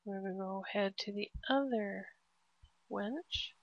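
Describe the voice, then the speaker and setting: A woman casually narrating a game walkthrough step by step, relaxed and prone to laughing. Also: medium pitch, slow, dry recording. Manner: relaxed, laughs often, cheers at a blast. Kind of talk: casual gameplay commentary. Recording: dry, slightly dull lo-fi.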